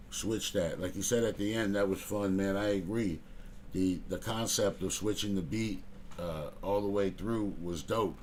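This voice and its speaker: A man with a lowish voice hosts a casual music review, rambling through his thoughts with plenty of filler and cursing. Faint background hiss sits under his talk. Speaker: music review show host.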